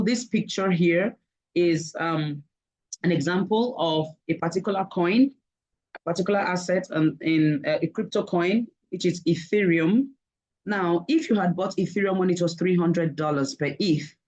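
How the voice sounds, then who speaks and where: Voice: mid-range voice, darkish tone, low-quality recording. Webinar presenter, explains step by step, keeps checking in with "okay?". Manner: explanatory, with frequent "okay?" check-ins and fillers.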